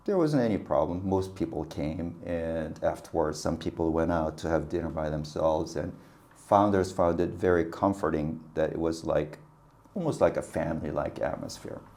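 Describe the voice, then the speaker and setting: Speaking at a moderate pace, a gravelly, very low-voiced man recounts work stories as an interview guest. He's a business consultant, animated and laughing a lot, dramatizing the quoted dialogue.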